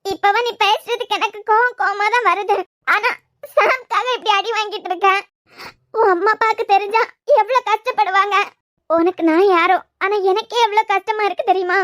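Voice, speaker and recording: A woman voicing a shrill scolding young roommate. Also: fairly even intonation, moderate pace, fairly bright tone, dry recording, studio quality. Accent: Kanyakumari Tamil. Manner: scolding, earnest. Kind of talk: cartoon web series voice acting.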